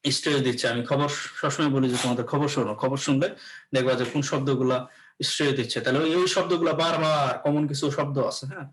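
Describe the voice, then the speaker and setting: A man's voice: mid-range voice, fairly even intonation, fast talker, fairly bright tone. A man giving an explanatory classroom lecture as an English teacher, often checking in with his students. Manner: explanatory, repeats "okay" to check in.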